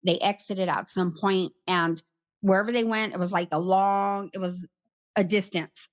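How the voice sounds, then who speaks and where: A middle-aged woman recounting her past in an interview, in a plain, halting way with many "like" fillers. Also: medium pitch, steady tone. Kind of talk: personal account in conversation.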